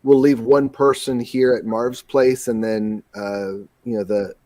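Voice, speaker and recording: Casting: male podcast host, mid-pitched, close dry sound, enthusiastic and detail-obsessed. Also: fairly even intonation, unhurried, dark tone, dry recording. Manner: enthusiastic, detail-focused, laughs easily. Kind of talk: casual chat.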